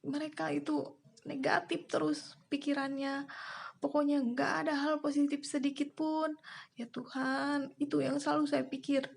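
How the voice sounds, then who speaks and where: A woman giving an earnest, emotional personal testimony, with many fillers and pauses. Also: high voice, level tone, creaky. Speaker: church member giving testimony.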